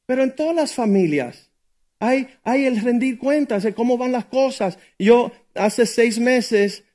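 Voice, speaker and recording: A man's voice: extremely high pitch, expressive, unhurried, a little mellow. A middle-aged male pastor preaching a sermon in a conversational way, asking his listeners rhetorical questions.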